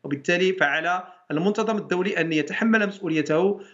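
A man's voice: high voice, rapid-fire, fairly bright tone, highs cut off. A man, a professor of international law, speaking emphatically in a TV debate with rhetorical questions and fillers. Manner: declamatory, many fillers and repeated rhetorical questions.

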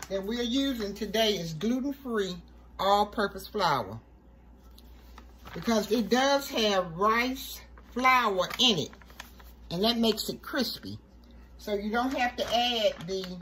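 A woman hosting a cooking show, walking through a recipe step by step in a relaxed, chatty way. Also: mid-range voice, a little hiss or hum, poor audio. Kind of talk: casual cooking demonstration.

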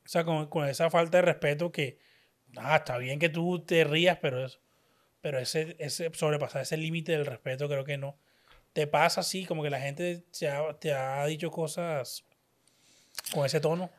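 A man's voice: a little high, fairly even intonation, moderate pace. A man with a Colombian Caribbean coast accent hosting a casual interview and asking long, conversational questions. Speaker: podcast host.

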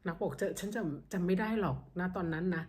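A woman's voice: lowish voice, fast talker, a little mellow. A Thai woman in her thirties with a Northeastern Thai accent, telling her own story in a chatty way and acting out the people she quotes. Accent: Northeastern Thai (Isan). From Thailand. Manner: chatty, acts out quoted voices, laughs a lot. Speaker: vlogger. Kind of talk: casual storytelling to camera.

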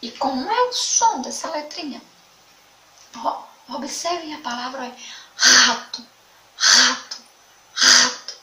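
A woman teacher with a Sergipe Brazilian accent gives an online lesson to young children, speaking in a slow, sing-song way and repeating words. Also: sits high, lively intonation. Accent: Sergipe Brazilian Portuguese. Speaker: primary school teacher. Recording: echoey room, mic at a distance, faint background noise.

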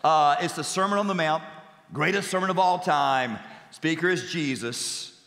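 Pastor guy preaching in a church, highish voice, big echoey room, keeps repeating lines for the crowd. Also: moderate pace, a bit bright. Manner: emphatic, repeats key phrases, leads congregation responses; jokey asides. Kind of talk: sermon. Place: church sanctuary with congregation. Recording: echoey hall reverb.

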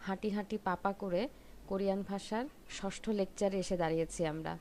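A woman teaching a spoken language lesson, mid-pitched and patient. She explains step by step and repeats each pronunciation. Faint noise sits under the recording. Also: steady tone, brisk, a little mellow.

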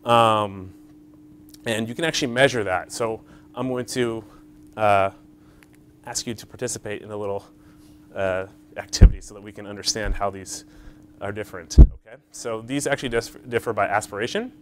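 A low-pitched man gives a conference talk in a lecture hall at normal speed, pausing often, with a faint hiss or hum on the recording. He explains things one step at a time, sprinkling in fillers and asking the audience "right?" and "okay?".

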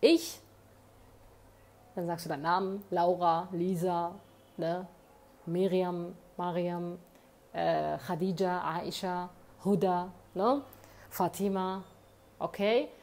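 A woman's voice: on the low side, fairly even intonation, slow, pauses often, darkish tone. Earnest woman giving emphatic advice. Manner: earnest, emphatic, with frequent tag questions. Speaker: advice vlogger. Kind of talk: motivational monologue. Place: indoor room.

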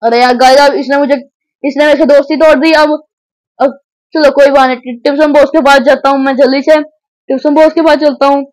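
A gameplay commentator talking in excited, rambling casual commentary, full of restarts and "guys" asides, on a close microphone. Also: high-pitched, fairly quick, no room sound, low-quality recording. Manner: rambling, repeats "arey yaar guys" with many restarts.

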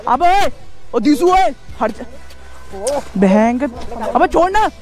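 A man's voice: very high voice, big pitch swings, takes it slowly, music in the background. A man vlogging, trying to break up a fight and arguing back in exasperated, pleading outbursts. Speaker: motovlogger. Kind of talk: casual vlog argument.

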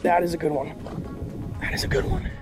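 A man's voice: a little high, steady tone, a little fast, music in the background. Young man narrating from a fishing boat. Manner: upbeat, talks to the camera while working the line. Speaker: fishing vlogger. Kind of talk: casual solo narration while fishing. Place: open flats boat on the water outdoors. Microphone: action camera mounted on the boat. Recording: wind and boat noise outdoors.

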